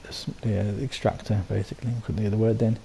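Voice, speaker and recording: A man with a low, gravelly voice, croaky from a sore throat, gives a casual voice-over walkthrough of his game settlement build. His dark, mellow tone stays fairly level in pitch as he talks fast, rambling with ums and false starts over a faint hiss.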